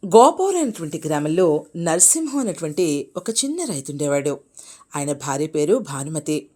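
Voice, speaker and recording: A woman narrating a moral folk tale in an expressive, animated storytelling voice. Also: low voice, moderate pace.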